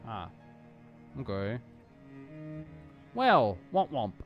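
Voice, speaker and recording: A man giving casual live gaming commentary as a streamer, thinking aloud in a halting way with repeated words. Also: medium pitch, huge pitch swings, muffled recording, soft background music. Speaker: game streamer.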